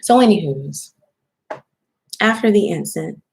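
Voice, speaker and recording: A woman vlogger telling a personal story in a casual, animated way, talking straight to her viewers. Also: on the low side, a little slow, gravelly, a little hiss or hum. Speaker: vlogger and spiritual life coach.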